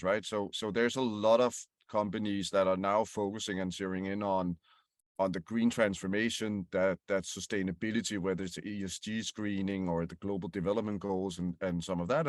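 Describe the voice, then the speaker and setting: A man with a fairly low voice answers questions as a podcast guest. He stumbles and repeats words as he thinks. The recording is dry and close. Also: no echo. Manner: hesitant, repeats words, many fillers. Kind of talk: interview answers.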